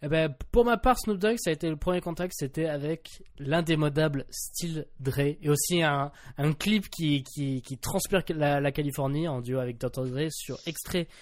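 Male podcast host, highish voice, joking and emphatic, dry close recording. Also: moderate pace, few pauses, dry recording. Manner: upbeat, jokey and emphatic. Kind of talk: hosted music talk show.

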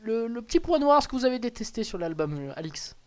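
A man's voice: very high-pitched, big pitch swings, quick pace. A man hosting a casual music chat show, hesitant and repeating words as he leads the talk. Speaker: host.

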